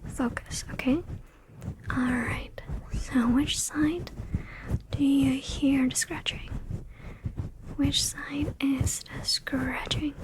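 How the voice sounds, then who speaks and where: A woman whispering ASMR instructions in a breathy, mostly unvoiced voice, repeating short phrases and words over and over. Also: high voice, steady tone, drawn-out words, pauses often, rough recording. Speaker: ASMR creator. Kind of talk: ASMR, whispered instructions in a playful focus test.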